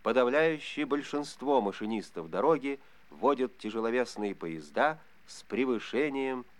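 A man's voice: medium pitch, lively intonation, normal speed. A man reading scripted wartime bulletins as an announcer, formal and solemn.

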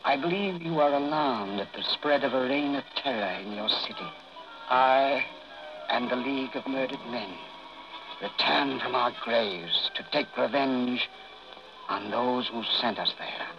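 An undead avenger with an ominous grim reaper voice, solemn and menacing. It is old serial villainy on a muffled film track with clear music behind. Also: male voice, mid-range voice, unhurried. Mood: grim, threatening. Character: menacing undead avenger, self-styled voice of death. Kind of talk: 1930s-40s movie serial acting.

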